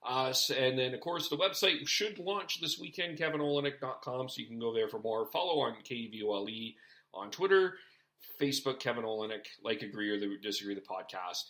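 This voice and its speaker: A man's voice: mid-range voice, brisk, sharp tone. A man hosting a casual podcast chat, rambling and thinking aloud in restarts. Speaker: podcast host.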